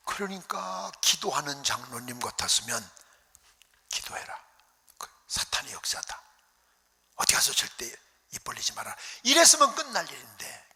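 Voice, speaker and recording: Male revival preacher, bright and lively, shouts then whispers, echoing church hall. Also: mid-range voice, creaky. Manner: animated storytelling, acting out voices, dropping to whispers. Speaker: pastor. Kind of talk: revival sermon storytelling.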